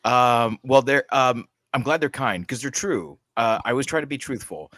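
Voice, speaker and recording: A man in his thirties co-hosting a horror movie podcast, talking casually with lots of fillers and animated storytelling. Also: medium pitch, moderate pace, no echo. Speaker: podcast co-host. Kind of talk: casual chat.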